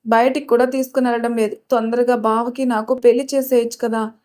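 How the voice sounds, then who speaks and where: A woman's voice: on the high side, level tone, a little fast, dark tone, natural voice. A woman voicing a spoiled, clingy young woman who pleads with her aunt in a storybook reading. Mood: pleading. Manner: whiny, pleading.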